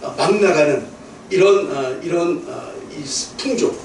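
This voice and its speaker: A man's voice: fairly high pitch, measured pace, a little mellow, slight background noise. Middle-aged male pastor in an echoey church. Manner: conversational preaching, asks the congregation for agreement, acts out quoted voices. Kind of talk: sermon. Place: church sanctuary. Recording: echoey, from far off.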